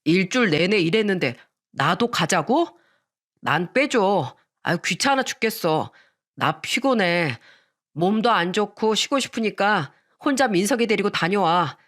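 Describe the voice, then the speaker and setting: A woman's voice: medium pitch, lively intonation, measured pace, a bit bright. A woman voicing a lazy, surly middle-aged husband who talks in a curt, dismissive grumble.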